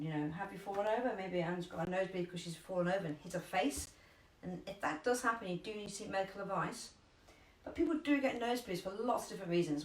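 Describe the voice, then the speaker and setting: A woman with a London accent teaching a live first aid class online, chatty and emphatic, slowing down to repeat key instructions. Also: mid-range voice. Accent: London English. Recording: echoey room, distant from mic.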